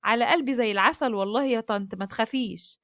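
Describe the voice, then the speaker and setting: A woman voicing a sweet, playful young woman, speaking in a gentle, teasing way. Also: fairly high pitch, fast talker, no echo, clean studio sound.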